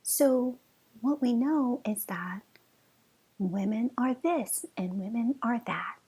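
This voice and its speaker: Female relationship podcaster, very breathy and husky with a soft mellow tone, informal, playful, direct address. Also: fairly high pitch, slow pace. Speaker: podcast host and relationship coach. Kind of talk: casual chatty solo podcast monologue.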